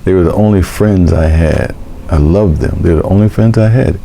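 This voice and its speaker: An older man hosting a vlog, telling a personal story in a halting, emotional way with many restarts. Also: sits low, vocal fry, dark tone, a little hiss or hum. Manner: halting, repeats words and restarts; emotional recollection. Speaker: vlog host.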